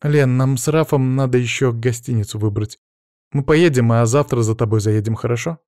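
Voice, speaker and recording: A man's voice: mid-range voice, moderate pace, a little mellow, no echo, studio quality, natural voice. A man reading an audiobook, voicing a tired, hurt middle-aged mother who speaks in a tense, curt way. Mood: hurried. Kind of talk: audiobook character voice.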